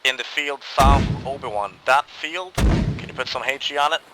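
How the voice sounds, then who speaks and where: A man's voice: medium pitch, moderate pace. Man calling over a walkie-talkie radio. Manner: clipped radio calls with call signs and "over". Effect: heard over an in-game walkie-talkie radio. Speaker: player calling in artillery targets. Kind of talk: military radio procedure. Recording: noisy game audio with gunfire.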